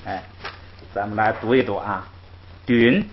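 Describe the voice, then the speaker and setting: A man's voice: on the low side, normal speed, slight background noise. A man teaching a language class, patiently explaining rules and modeling syllables for the class to repeat. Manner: lively, patient, interjects "ai" often, models syllables for repetition. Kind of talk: classroom lecture with call-and-repeat drills. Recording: muffled lo-fi recording.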